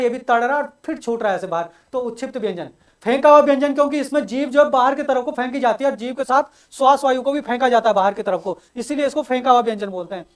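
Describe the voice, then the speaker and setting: A man teaching a Hindi grammar lesson at a coaching class, asking the class questions, answering them himself and repeating sounds slowly for emphasis. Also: very high voice. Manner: drawn-out emphatic repetition of sounds.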